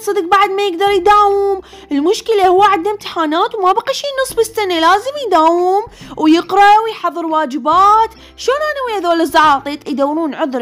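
A woman with an Iraqi Arabic accent talks through her game in a very high, quick and chatty voice. She teases and scolds in a playful way as she plays. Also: fairly bright tone. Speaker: gaming video host. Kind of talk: casual let's-play commentary.

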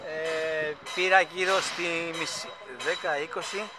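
A man's voice: a little high, fairly even intonation. A man casually narrating a vlog outdoors on a construction site, chatty and enthusiastic, filmed on a handheld camera mic. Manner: chatty, rambling, enthusiastic fan talk. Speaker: vlogger filming a stadium construction site. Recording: loud construction site noise.

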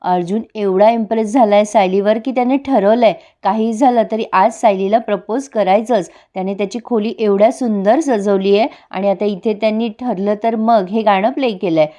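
A woman's voice: medium pitch, normal speed, few pauses, dark tone. A woman recapping a television serial episode in chatty storytelling narration. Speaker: TV serial reviewer.

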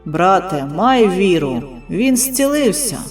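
A man voicing a booming, commanding male faith healer who roars drawn-out commands. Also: sing-song, music in the background, heavily acted. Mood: exultant. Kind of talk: dramatic storytelling.

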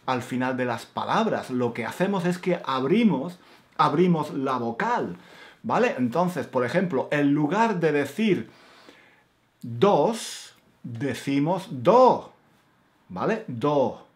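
A man's voice: fairly high pitch, expressive. A man in his fifties from Granada with an Andalusian accent, telling a personal story as a Spanish teacher, repeating phrases for emphasis. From Granada, Spain. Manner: slow, repetitive, emphatic, with frequent fillers. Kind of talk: storytelling lesson for learners.

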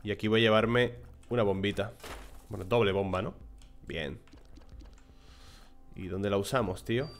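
A man giving casual, excitable commentary on his own gameplay, swearing when surprised and talking to himself. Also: lowish voice, normal speed, long pauses, a little hiss or hum. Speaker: gameplay streamer.

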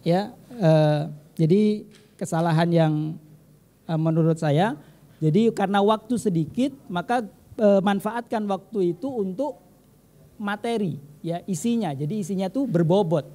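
A man with an Indonesian accent, a teacher giving deliberate, hesitant spoken feedback on student speeches. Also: high-pitched, warm tone. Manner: deliberate and measured, with frequent hesitations. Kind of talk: formal critique read from notes, mixing Arabic and Indonesian.

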